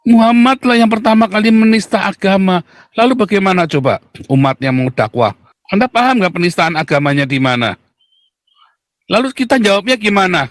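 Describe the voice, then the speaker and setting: A man's voice: expressive, fairly quick, no room sound, studio quality. A man giving a mocking, theatrical polemic monologue, addressing listeners directly as he argues. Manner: jumps into high shouted voices when mimicking critics. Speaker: religious debater addressing viewers.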